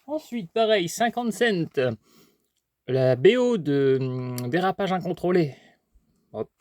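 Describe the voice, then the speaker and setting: A man's voice: on the high side, animated, measured pace, a little mellow, dry recording. A man chatting casually about his haul, rambling with many fillers and restarts while eating. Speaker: collector vlogger.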